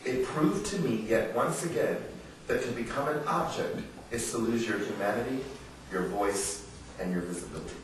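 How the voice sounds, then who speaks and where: Speaking to an audience in an indoor literary salon, this American man reads from his book and adds casual asides, earnest and emphatic, often posing rhetorical questions. His pitch is medium, his intonation lively, his pace moderate. The recording comes from a distant mic in an echoing live room, with faint background noise.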